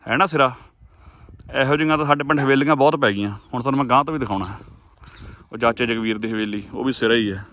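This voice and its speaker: A man's voice: medium pitch, bright, forceful tone. A young man with a Punjabi accent, chatting casually to viewers as he walks through his village fields, recorded outdoors in the wind on a handheld phone. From Punjab, India. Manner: chatty, addresses viewers as friends. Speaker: village vlogger. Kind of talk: casual vlog narration while walking.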